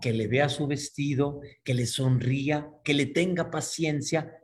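A man voicing a calm, patient male angel of death in a told story. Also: on the high side, unhurried, slight background noise, lightly acted. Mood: soothing. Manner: soothing, patient, explaining gently.

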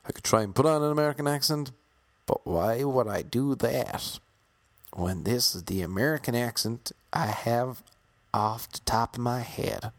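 A young Irish-accented man with a gravelly, mid-range voice tells wry, self-mocking stories about his auditions in a casual monologue. He playfully imitates other people, and there's no echo.

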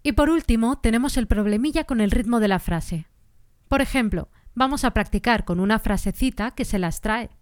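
Lady from teaching singing on a podcast, explains things clearly, smooth voice, dry studio sound. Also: on the high side, moderate pace, no echo. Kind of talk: podcast lesson.

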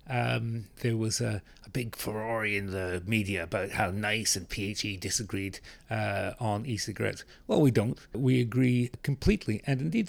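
Guy with a gravelly edge, talks steady and careful about health guidance, lots of uhs. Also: mid-range voice. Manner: measured, many fillers. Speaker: public health expert. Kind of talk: interview answers, explanatory.

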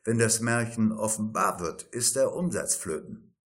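A man's voice: fairly low pitch, lively intonation, measured pace, fairly bright tone. A man reading a smug cynical executive. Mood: dismissive. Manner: blunt and dismissive.

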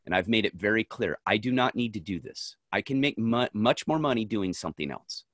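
Low-voiced man, earnest and emphatic. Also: animated, brisk, a bit bright, no room sound, clean studio sound. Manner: earnest and emphatic, short firm statements. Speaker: podcast co-host. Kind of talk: casual conversation.

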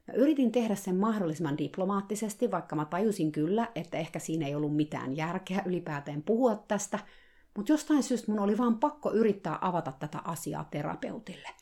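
Woman storyteller, a little low, lots of vocal fry, conversational and dryly sarcastic. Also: mellow. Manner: wry, dryly sarcastic asides; conversational, colloquial. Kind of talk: personal story narration.

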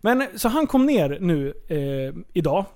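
A man's voice: high voice, very animated, a little mellow. A man co-hosting a casual podcast chat, joking and rambling through stories. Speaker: podcast co-host.

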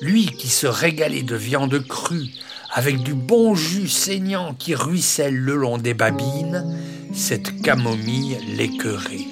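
A storyteller reading a children's tale aloud in a lively, expressive way with playful asides. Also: medium pitch, slow. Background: background music.

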